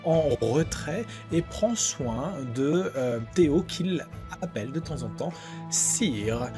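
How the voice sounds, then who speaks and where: Game master, male, dramatic narrator, slightly high voice over background music. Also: lively intonation, dark tone. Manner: dramatic storytelling, drops low and slow for menace. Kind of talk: narrating a French tabletop role-playing game.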